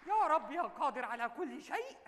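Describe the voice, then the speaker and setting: A pompous scheming suitor on stage. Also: male voice, extremely high pitch, big pitch swings, brisk, fairly bright tone, some chatter behind, a little hiss or hum, heavily acted. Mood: scheming prayer. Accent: Egyptian. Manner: pompous mock-formal speech, wailing pleas. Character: scheming male suitor praying in grand classical Arabic. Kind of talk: live stage comedy. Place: theater stage. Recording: live theater hall reverb.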